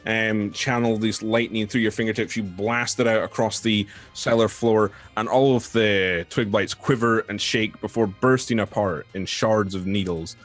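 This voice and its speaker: A man's voice: fairly low pitch, steady tone, moderate pace, few pauses, a bit bright, soft background music. A man narrating a tabletop game as game master in a casual, easygoing, accommodating way.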